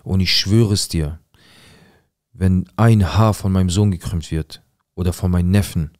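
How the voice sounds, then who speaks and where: A man voicing his agitated middle-aged father, loud and shouting as he retells the scene. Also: low voice, measured pace, dry recording, studio quality. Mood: furious threatening. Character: enraged middle-aged father under pressure.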